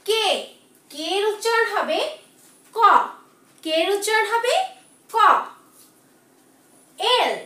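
A woman teacher giving a children's English alphabet lesson, repeating each sound slowly and quizzing her pupils. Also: very high-pitched, expressive, a bit bright. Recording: echoey room, voice from far off.

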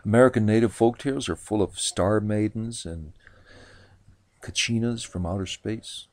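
A man's voice: fairly low pitch, normal speed, darkish tone, no echo, lightly acted. A man doing Spencer, an eager lore buff. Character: excitable man lecturing on fairy lore.

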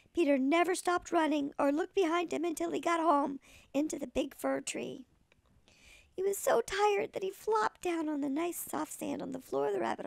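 A sweet older woman with a thin, creaky voice, reading a children's story expressively like a kindly storyteller. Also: high-pitched, darkish tone, no echo. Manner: sweet old lady.

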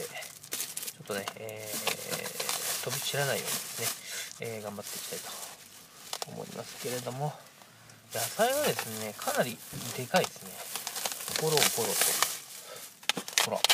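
A man in his thirties with a nasal, stuffy-nosed voice from a cold, giving a casual, halting food review to camera. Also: mid-range voice, sing-song, heavy background noise. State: congested with a cold. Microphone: camera at arm's length.

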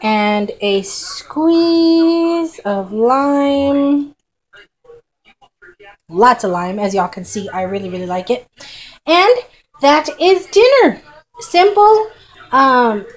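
A woman's voice: high voice, rough recording. Chatty woman cooking at home. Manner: chatty and folksy, addresses viewers as y'all. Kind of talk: casual cooking demonstration. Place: home kitchen. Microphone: camera close on the counter.

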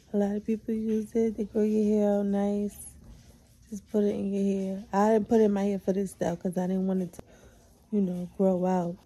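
A young woman talks straight to her listeners in a loose, candid solo podcast, swearing freely and hyping herself up. Her voice is very dark and gravelly, with a husky edge and plenty of vocal fry. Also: mid-range voice, low-quality recording. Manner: chatty, candid, profane, self-affirming. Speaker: podcast host. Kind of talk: casual solo vlog chat.

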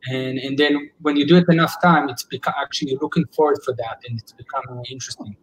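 A man in his forties, a psychologist, talks fast on a casual video call at home, his medium-pitched voice holding a steady tone. He's earnest, often restarting sentences while searching for words. The laptop webcam audio is poor.

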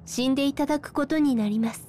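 A woman's voice: sits high, fast, dark tone, slight background noise, lightly acted. An actress playing a coldly menacing female spirit in a video game, with ladylike, coolly polite speech. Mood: cold menace. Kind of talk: Japanese RPG cutscene voice acting.

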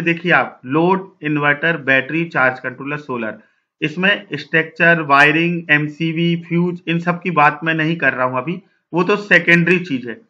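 A man teaches a technical lesson in a steady, explanatory way, walking through worked examples one step at a time. His voice sits a little high and comes across very bright and sharp. The recording is somewhat dull and lo-fi. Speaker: solar instructor and channel host.

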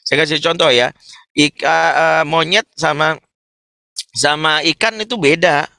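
A man giving an Islamic parenting talk in a webinar, animated and humorous as he acts out everyday examples. His voice sits a bit high and sounds bright and forward. The sound is dry and close, with no room echo. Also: a little slow, vocal fry.

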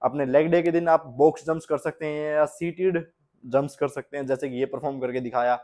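A man's voice: a little high, fairly quick. Young man explaining gym training tips. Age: young adult. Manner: plain, steady explaining with Hindi-English mix. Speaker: fitness coach. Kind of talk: instructional fitness talk. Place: small home gym with posters, indoors.

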